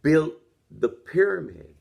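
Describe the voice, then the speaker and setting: A toothless man with a Jamaican accent thinks aloud, his lips folding over his gums so the consonants come out soft. His voice is creaky and his pitch swings widely as he goes. He takes his time, offering opinions and rhetorical questions in a loose, reflective monologue. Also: sing-song, slow.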